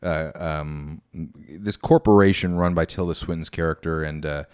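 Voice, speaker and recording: A man co-hosting a casual podcast, riffing on films with lively critique and quick mimicry. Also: a bass voice, clear, resonant tone. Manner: animated film critique, frequent mimicry. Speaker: podcast co-host. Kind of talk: casual chat.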